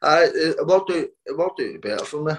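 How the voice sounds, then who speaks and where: A man, a boxer, telling his story in a casual interview, halting and repeating words as he quotes what others said. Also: fairly high pitch, lively intonation, poor audio.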